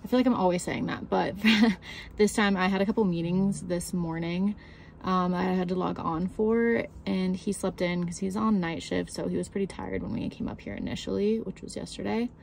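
A woman's voice: lowish voice, steady tone, moderate pace, creaky, darkish tone. Young woman, casual vlog host, handheld phone, audible background noise, laughs a lot. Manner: chatty, laughs often. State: hungover with a headache. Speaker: vlogger. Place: car interior and outdoors on a forest trail. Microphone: phone at arm's length.

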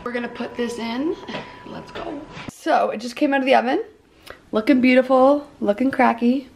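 A woman's voice: sits high, moderate pace, vocal fry, darkish tone, a little hiss or hum. A young woman chatting through a baking tutorial in her home kitchen, bubbly and casual, with lots of "like" and "um". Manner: bubbly, chatty, says "like" and "um" often. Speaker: baking vlogger.

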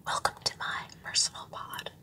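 A young woman whispering softly inside a small sleeping capsule, as a whispered role-play tour. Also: moderate pace, over music.

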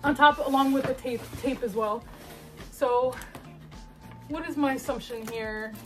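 A woman's voice: high voice, unhurried, fairly bright tone, distant mic, faint music behind. A young woman casually chatting through an unboxing, gushing and laughing, a bit out of breath as she struggles with the box. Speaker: collectibles unboxing vlogger.

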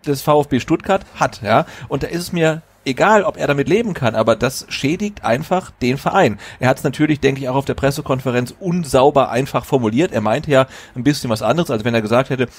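A man in a casual football podcast talks in a husky, slightly rough voice. He argues his view with emphasis and fills his sentences with pauses and "ähm"s as he thinks aloud. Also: mid-range voice. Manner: opinionated, emphatic, many fillers. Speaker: podcast co-host.

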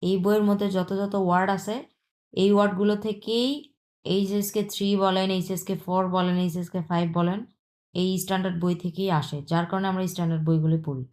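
A woman with a Bangladeshi accent teaching a language lesson, patiently repeating points and drawing out example sounds slowly. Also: lowish voice, flat delivery, a little mellow. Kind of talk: explanatory lesson.

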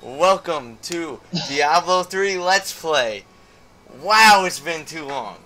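A man's voice: on the high side, expressive, takes it slowly, pushed and bright, a little hiss or hum. A man hosting a let's play, chatting casually with friends as he games. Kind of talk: casual gaming commentary with friends. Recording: clear game ambience behind voice.

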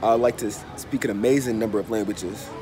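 Warm and lowish, with fairly even intonation, a congested travel vlogger in his thirties chats to his phone at arm's length, unhurried and repeating himself while feeling unwell. He's in an open-fronted hostel bar or cafe, the open air loud with traffic and street noise.

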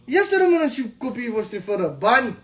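A young man's voice sitting high for a man, flung out in an angry rant at his critics. He is a rapper from Romania who lurches between loud outbursts and low grumbling asides, full of insults and repetition. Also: sing-song. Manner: heated, insulting, swings between shouting and muttering.

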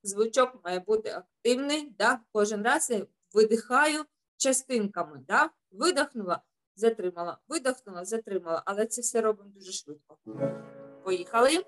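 A woman's voice: a little high, animated, moderate pace, faint music behind. A woman vocal teacher leading a children's singing lesson, patient and encouraging, using diminutives and checking in with a questioning "right?".

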